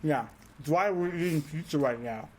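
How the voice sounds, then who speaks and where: A man swapping stories with a friend on a casual podcast. He speaks animatedly and swears easily, with a voice a little high for a man. Faint background noise sits behind him. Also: normal speed. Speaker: podcast co-host. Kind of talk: casual chat.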